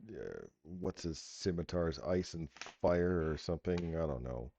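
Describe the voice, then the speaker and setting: A man voicing a big, friendly, earnest frost giant in a tabletop game, deep and booming, with a halting gentle-giant way of talking. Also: gravelly, a little hiss or hum. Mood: friendly, uncertain. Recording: slightly dull, muffled audio.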